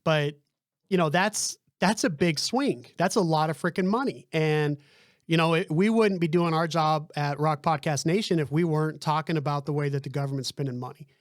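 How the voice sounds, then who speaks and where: Male podcast host, fairly high voice, chatty and dry-sounding. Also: moderate pace, no room sound. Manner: chatty, lots of fillers and "right?". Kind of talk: casual podcast chat.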